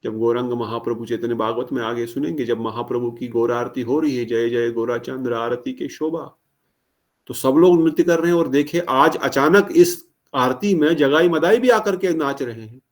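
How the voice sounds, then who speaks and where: A man's voice: medium pitch, moderate pace. A man giving a devotional discourse, retelling a sacred story with acted-out dialogue and questions to the listeners. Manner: animated, acts out dialogue, asks audience questions. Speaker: preacher.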